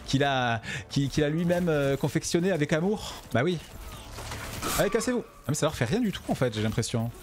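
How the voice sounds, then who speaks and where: Lively, chatty streamer man. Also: on the high side. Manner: chatty, talks to viewers, stumbles over words. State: tired. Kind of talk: casual gameplay commentary. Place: at home.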